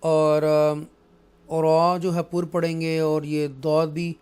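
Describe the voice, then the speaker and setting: A man with a Pakistani accent teaching Quran recitation rules, alternating explanation with slow, drawn-out recited verses and often asking "right?". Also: fairly high pitch, flat delivery, a little mellow, clear, resonant tone. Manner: frequent checking "right?". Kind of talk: tajweed lesson, explaining and reciting.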